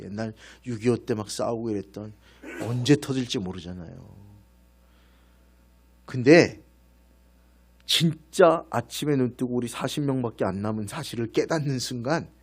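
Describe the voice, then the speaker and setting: With a husky, mid-range voice, a male pastor brings a personal story to life in his church sermon, occasionally turning to speak straight to members of the congregation.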